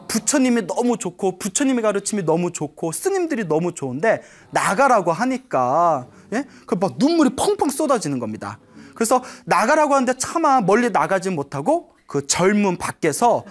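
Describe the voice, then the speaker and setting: A woman preacher telling a Buddhist story to a live audience, often checking in with them and laughing as she goes. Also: medium pitch. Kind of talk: lively storytelling sermon.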